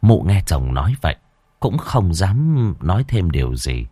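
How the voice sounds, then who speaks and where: Deep-voiced male horror storyteller. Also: measured pace, breathy edge, no room sound. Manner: expressive, dramatic storytelling. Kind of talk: scripted horror story narration.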